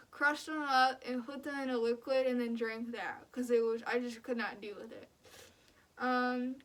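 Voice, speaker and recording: A young woman vlogging casually about her own experience, talking in a blunt, slangy way peppered with "like". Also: high-pitched. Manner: blunt, slangy, frequent "like" filler. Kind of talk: casual personal vlog recounting.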